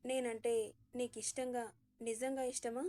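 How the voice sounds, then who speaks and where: A woman's voice: on the high side, little pitch movement, moderate pace, warm tone, close to an everyday voice. A woman voicing a timid, tearful young bride. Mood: pleading. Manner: timid, hurt, pleading. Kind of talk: audio story reading.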